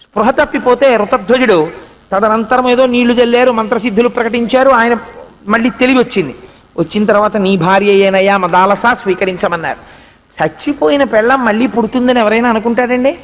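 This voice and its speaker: High-voiced man giving a spiritual discourse. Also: highs cut off. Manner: animated storyteller, rhetorical questions to the audience. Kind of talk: religious discourse, storytelling. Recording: long hall reverb.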